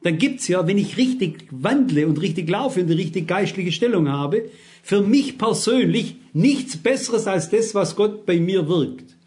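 A man's voice: sits high, lively intonation, unhurried, a little mellow. Emphatic older male preacher. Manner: emphatic, keeps asking the listeners rhetorical questions. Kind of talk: sermon.

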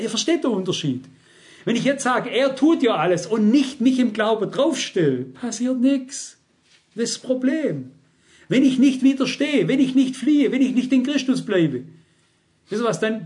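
A man's voice: high-pitched, darkish tone. A man preaching a sermon, insistent and full of rhetorical questions to his listeners.

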